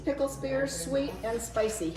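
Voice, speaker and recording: A woman's voice: sits high, unhurried. A woman leading a cooking class who keeps asking the group questions. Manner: friendly, asks the group questions. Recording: echoey room from a distance, loud chatter.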